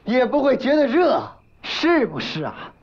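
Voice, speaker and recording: An actress playing an excitable, sarcastic shop worker in a comic drama, swinging theatrically between exclamation and deadpan. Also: female voice, sits high, measured pace, breathy edge, exaggerated voice. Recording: muffled audio with background music.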